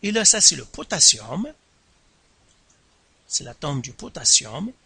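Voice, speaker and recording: Slow, emphatic man teaching a lesson. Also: big pitch swings, vocal fry, pushed and bright, breathy edge. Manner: slow, deliberate, repeats terms and stresses syllables, pitch jumps. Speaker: science teacher. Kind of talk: classroom lesson explaining at a board.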